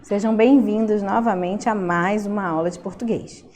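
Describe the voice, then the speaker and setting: A woman's voice: mid-range voice, fairly even intonation, moderate pace, a little mellow, a little hiss or hum. A young woman teacher giving a recorded Portuguese class to children, explaining in a sing-song way and checking in often with "ok?".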